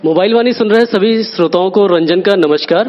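A man's voice: high-pitched, fairly quick, faint music behind. A man working as a community radio reporter, interviewing a guest and hesitating often with fillers. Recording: muffled lo-fi audio.

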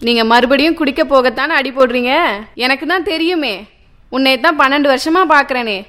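A woman's voice: brisk, a bit bright. A woman playing a wife who scolds her husband for drinking, in a radio drama. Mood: accusing. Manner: shrill, scolding, wailing.

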